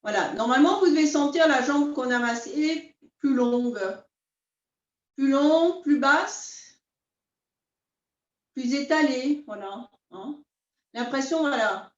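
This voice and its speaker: A woman teaching a beginners' qi gong class, calmly guiding her students step by step. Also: high voice. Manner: calm, unhurried, step-by-step guidance. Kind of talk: guided class instruction. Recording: roomy, distant, dull sound.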